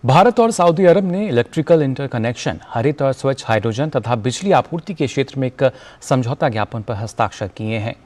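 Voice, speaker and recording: Male news anchor, formal scripted read, measured and even. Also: medium pitch.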